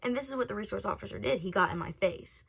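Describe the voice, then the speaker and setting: Young female vlogger, casual and profane, animated storyteller. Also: mid-range voice, fast talker, gravelly, slightly rough. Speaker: vlogger telling a personal story.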